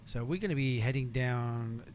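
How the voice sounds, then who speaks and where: His voice is mid-range, moderately paced and a little mellow as he offers casual commentary on his flight-sim livestream. He talks to viewers like mates, over faint background noise and slightly dull audio.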